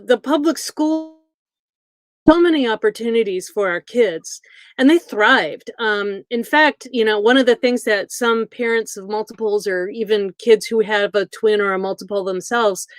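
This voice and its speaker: A woman's voice: on the high side, dry recording. Chatty Midwestern woman, school board candidate. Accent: Midwestern American. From Wisconsin. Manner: friendly, chatty, joking. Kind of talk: casual self-introduction.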